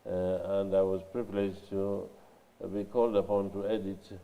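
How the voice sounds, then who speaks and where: An older man with a nasal voice from a cold, answering interview questions in a measured way with many pauses and fillers. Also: low voice, little pitch movement. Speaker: interviewed scholar and writer. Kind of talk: recorded library interview. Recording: dull sound with long reverb in a hall.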